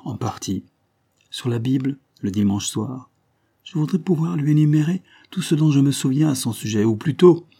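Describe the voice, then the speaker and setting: Man reading a classic novel, dark tone. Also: lowish voice, husky. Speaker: audiobook reader. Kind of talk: scripted narration of a classic novel.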